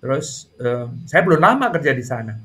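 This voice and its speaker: A middle-aged man telling a story in a casual interview. He talks in a chatty way with many fillers and jumps up in pitch when a story gets lively. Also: brisk. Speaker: interview guest.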